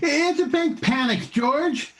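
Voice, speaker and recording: A woman's voice: sits high, takes it slowly. A woman playing a panicky, flustered old uncle in a radio play, frantic and repeating words. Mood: panicked. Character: panicky, flustered old Uncle Billy, small-town banker.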